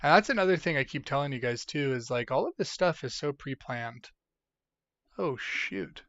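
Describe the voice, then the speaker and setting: A man's voice: medium pitch, lively intonation, normal speed, a bit bright, no room sound, muffled recording. A tired, sleepy man hosting a casual livestream, from the United States, rambling as he reads chat aloud. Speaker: livestream host.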